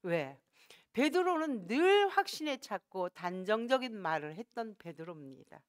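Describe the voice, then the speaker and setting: A woman pastor preaching a sermon, asking the congregation questions and acting out quoted lines with dramatic swings in loudness. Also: medium pitch, very animated, moderate pace.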